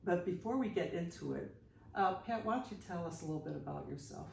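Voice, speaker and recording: Animated and fast-talking, this podcast co-host in her sixties spins casual, teasing stories in a lowish, creaky, slightly mellow voice. She was recorded in a roomy space at a distance from the mic, with slight hiss or hum.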